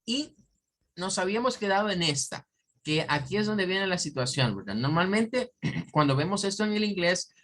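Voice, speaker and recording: A man's voice: high voice, animated, normal speed, fairly bright tone. A man teaching an English pronunciation class, explaining patiently and often checking in with his students. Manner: explanatory, checks in with frequent tag questions. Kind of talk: online class lecture.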